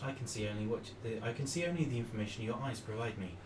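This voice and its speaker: A man's voice: mid-range voice, animated, fast talker, close to an everyday voice. A man voicing a terse telepathic machine intelligence with formal, literal phrasing in a tabletop game. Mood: detached, formal. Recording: roomy, distant, noisy tabletop recording.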